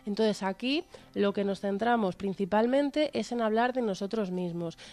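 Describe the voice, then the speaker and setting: A woman's voice: medium pitch, moderate pace, darkish tone. A woman with a Spanish accent leading a group class and often checking in with "¿vale?". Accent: Spanish from Spain. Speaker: group facilitator.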